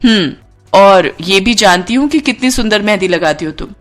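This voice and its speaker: In a Hindi cartoon story, a woman voices a glamorous young actress who is confident and effusive, bossing others fondly like an older sister, with gratitude in her delivery. Her mid-range voice is expressive at a normal pace, natural-sounding, with soft music in the background.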